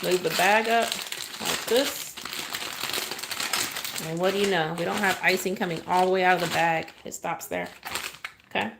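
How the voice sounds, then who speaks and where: Lady doing a live cake demo, chatty and encouraging, kinda low voice, faint crinkly noise behind. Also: steady tone, normal speed, creaky, long pauses. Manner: chatty, encouraging, thanks viewers often. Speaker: cake decorator.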